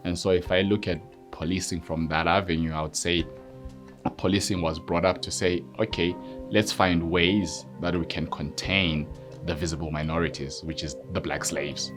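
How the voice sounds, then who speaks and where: Zimbabwe-born middle-aged male officer, very low voice, thoughtful testimony over faint music. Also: fairly even intonation. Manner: reflective, measured, with frequent fillers. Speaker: police constable. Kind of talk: personal testimony interview. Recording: soft music underneath.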